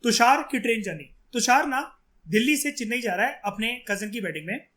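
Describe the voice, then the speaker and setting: A man's voice: very high-pitched, expressive, fairly quick, sharp tone. A male teacher giving a chatty lecture, talking straight to his students and acting out example lines. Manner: chatty, addresses students directly and acts out lines.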